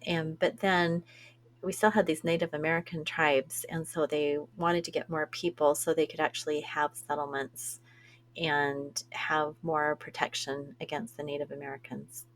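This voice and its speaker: A woman co-hosting a genealogy podcast, chatty and quick to laugh at herself. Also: low-pitched, fairly even intonation. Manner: chatty, laughs easily, self-deprecating. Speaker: podcast co-host. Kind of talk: conversational podcast discussion.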